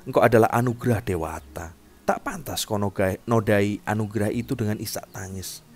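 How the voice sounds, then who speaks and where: A man's voice: on the low side, fairly quick, darkish tone, natural voice. Be a handsome king pleading with a captive princess, coaxing and earnest, a man voicing him, with a faint hum behind. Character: handsome young king, smitten and persuasive.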